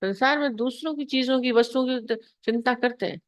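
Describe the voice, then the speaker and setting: A woman's voice: fairly high pitch, normal speed, dry recording, studio quality. A woman spiritual teacher giving a sermon on scripture, telling parables and asking her listeners questions. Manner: storytelling, asks the listeners questions.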